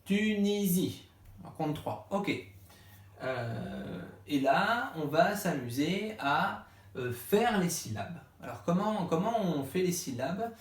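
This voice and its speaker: A man with a higher-leaning voice and big pitch swings speaks slowly, his words echoing around the room. As a primary school teacher, he patiently takes parents through a reading lesson step by step, acting out the questions to ask their child.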